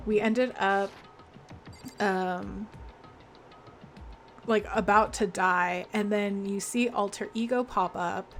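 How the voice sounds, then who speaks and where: A young woman with a medium-pitched, gravelly voice chats casually while streaming a game, laughing often and greeting viewers by name. She sounds congested from a sore throat.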